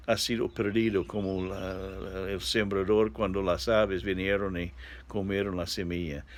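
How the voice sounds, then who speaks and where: A male pastor delivers a gentle devotional sermon in a somewhat low voice. His delivery is halting, with pauses where he searches for the right word. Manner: halting, sometimes searching for words.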